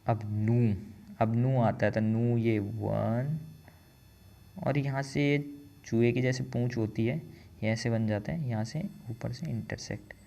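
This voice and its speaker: A man's voice: medium pitch, fairly even intonation, measured pace, gravelly, dark tone. A man teaching a writing lesson, patiently counting out each stroke aloud as he explains. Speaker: language teacher.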